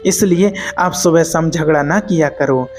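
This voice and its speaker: Man doing a mild patient merchant guy, calm coaxing, fairly high voice, faint music behind. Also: a little slow, natural voice. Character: gentle, patient merchant husband, middle-aged man.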